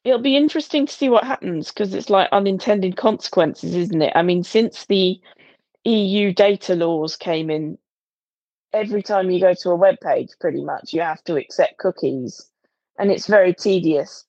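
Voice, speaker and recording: A woman's voice: lowish voice, normal speed, mellow, dry recording. Give me a woman chatting on a tech podcast, inquisitive, with a dry, muffled sound. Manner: questioning, chatty. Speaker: podcast co-host. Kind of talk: casual tech podcast chat.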